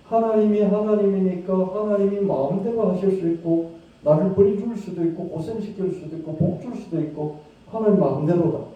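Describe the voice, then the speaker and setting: Korean pastor preaching in an echoey room. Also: male voice, sits high, fairly quick. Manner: conversational, asks the congregation rhetorical questions; acts out pleading prayers in a hushed voice. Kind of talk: sermon. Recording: distant, very echoey dull-sounding room.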